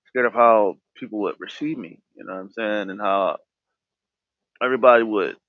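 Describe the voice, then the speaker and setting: In this dull, lo-fi clip with a dry sound, a man with a lowish voice hosts his own podcast at normal speed. He talks frankly about himself, stuttering and frequently starting words over.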